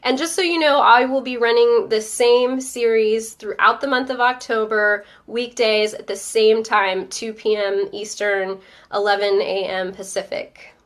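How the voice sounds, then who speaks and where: A stuffy-nosed woman hosts a live stream, her slightly high voice upbeat and chatty. She talks straight to her viewers and reads out their comments as they come in. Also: steady tone, measured pace. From Northern Virginia. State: stuffy, coming down with a cold. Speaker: host of a live-streamed show. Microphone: webcam or phone on a live stream.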